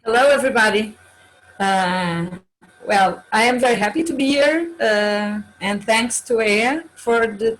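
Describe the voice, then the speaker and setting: A woman's voice: fairly low pitch, poor audio. Portuguese-accented woman, 40s, hesitant second-language speaker on a video call, faint background noise. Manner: hesitant, searching for words. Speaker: panelist. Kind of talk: webinar self-introduction.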